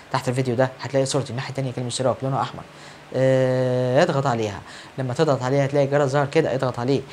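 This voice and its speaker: Fast-talking Egyptian teacher, a man. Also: medium pitch, a little hiss or hum. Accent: Egyptian Arabic. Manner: brisk, encouraging, answers imagined students. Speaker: English teacher. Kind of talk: recorded online grammar lesson.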